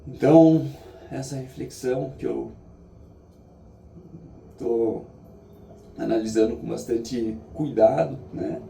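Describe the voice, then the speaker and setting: A Brazilian man giving a reflective, casual monologue in an earnest, halting way, often checking in with short tag questions. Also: medium pitch, creaky, mellow. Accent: Brazilian Portuguese. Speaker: vlogger sharing daily reflections. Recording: echoey, distant mic, faint background noise.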